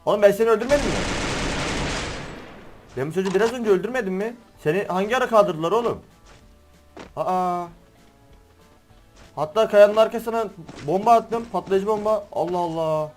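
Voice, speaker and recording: A young man giving excitable, slangy play-by-play of a shooter game, teasing the players he beats. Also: high voice, normal speed, long pauses. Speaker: gaming streamer. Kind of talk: live gameplay commentary. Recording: game music and gunfire behind.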